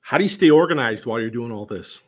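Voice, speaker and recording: A man with an ordinary, mid-pitched voice hosts an interview. He asks long questions and restarts and repeats words as he works his way through them. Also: lively intonation, fast, slightly rough. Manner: rambling, repeats words while asking. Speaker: interview host.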